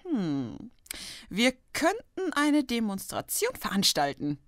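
A woman voicing a brash, shameless, mischievous alicorn pony princess in a fan audio drama, blunt, teasing and expressive. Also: on the high side, slow, dry recording, studio quality, exaggerated voice. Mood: scheming.

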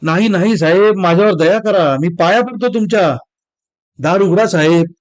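A man's voice: high-pitched, moderate pace, natural voice. Man doing a cowering thief, pleading, begging, desperate, storybook reading.

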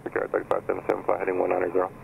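A man's voice: deep voice, very animated, very fast, gravelly, narrow, tinny audio. A man working as an air traffic controller, giving clipped instructions over the aircraft radio. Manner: clipped, terse phraseology. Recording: radio transmission with music behind.

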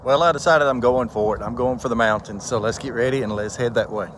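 A man's voice: mid-range voice, fast. A man hosting a casual walk-and-talk vlog outdoors in a park, an easygoing, rambling talker with plenty of fillers who shares his own story as a transplant recipient.

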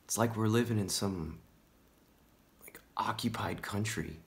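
A paranoid young stoner rambles on about conspiracies, played by a male actor in a self-tape monologue. He keeps tossing in "dude" and "man". His voice lurches from loud, high bursts down to hushed whispers. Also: unhurried, creaky. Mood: paranoid rambling. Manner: drops into hushed whispered asides; wildly swinging pitch and loudness.

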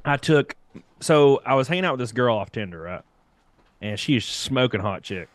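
A man's voice: medium pitch, expressive, moderate pace, no echo. A man in his thirties casually telling a rambling story on a podcast and laughing at himself. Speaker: podcast guest.

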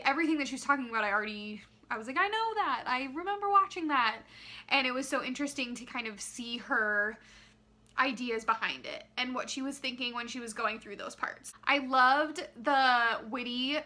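A young woman speaks casually to camera as a reviewer. Her voice sits a little high and has a bright, crisp edge. She is chatty and expressive, leaning on words for emphasis. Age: young adult. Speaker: book reviewer. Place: small living room, indoors.

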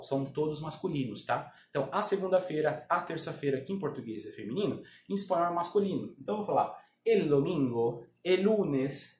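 A man's voice: fairly high pitch, darkish tone, reverberant. A man teaching a Spanish lesson online, speaking to viewers and having them repeat words after him. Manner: drills pronunciation, asks viewers to repeat.

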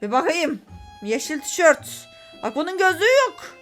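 Energetic female gaming YouTuber, high and very lively voice, quick to exasperation, faint game music underneath. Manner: excitable, exasperated, talks to viewers. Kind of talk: let's-play commentary.

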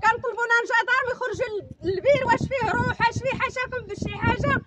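A woman's voice: very high-pitched, steady tone, racing. A Moroccan woman making an agitated, angry public complaint, pleading and repeating herself, outdoors on a street. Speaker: aggrieved resident. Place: outdoors in front of a fenced building. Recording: noisy street, distant microphone.

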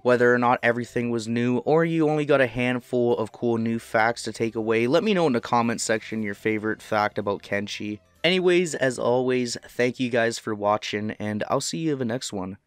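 A man's voice: medium pitch, no echo. Male gaming host, mid-range voice, reads fact lists evenly, dry booth-like sound. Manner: reads facts in an even list cadence. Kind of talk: scripted gaming narration.

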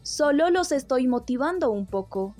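A woman's voice: sits high, lively intonation, normal speed, mellow, soft background music. A woman reading out a stern commanding ex-captain. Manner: curt orders, read out plainly.

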